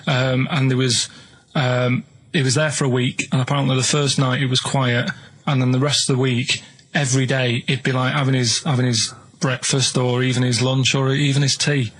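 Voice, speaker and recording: Male, deadpan, halting delivery with lots of ums. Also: medium pitch, rough recording. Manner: flat, hesitant storytelling with fillers. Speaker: radio show regular. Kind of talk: comic radio banter.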